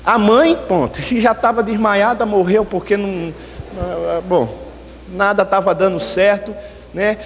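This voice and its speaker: A man with a Brazilian accent preaching a sermon and telling a story in a lively way, often calling the listeners brethren. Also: sits high, measured pace, in a large hall, slight background noise. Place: church sanctuary.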